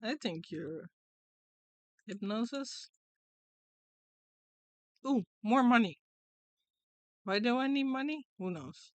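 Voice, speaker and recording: A woman's voice: a little high, lively intonation, takes it slowly, long pauses, dry recording. A woman streamer giving casual game commentary and reading story narration aloud with dramatic flair.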